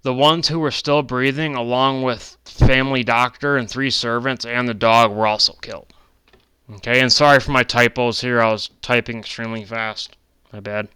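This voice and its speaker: A man in his twenties hosts a loose, casual lecture over slides on his own channel, frequently drifting into tangents and correcting himself. His mid-range voice is bright, forceful, and smooth, with a steady tone at normal speed, and there's no echo.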